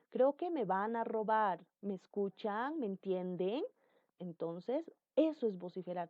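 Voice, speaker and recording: A woman teaching a class in an animated way, her voice springing higher and louder to stress points and act out examples. The sound is narrow and tinny like a phone line, and the room is dry, with no echo. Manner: animated, jumps up in pitch and volume for emphasis, acts out examples. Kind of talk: explaining a grammar lesson.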